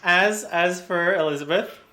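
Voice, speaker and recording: A low-pitched woman moderates a game with formal deliberation. She speaks slowly in an echoey room. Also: pushed and bright, slight background noise.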